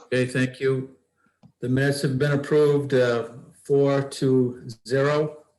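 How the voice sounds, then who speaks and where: A man chairing a board meeting in a formal, measured, procedural way. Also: medium pitch, little pitch movement, darkish tone. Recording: echoey room sound.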